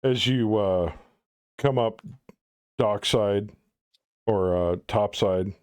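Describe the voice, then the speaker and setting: A man running a tabletop game as game master, narrating in a laid-back, halting way. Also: on the low side, darkish tone, clean tone, no room sound, clean studio sound.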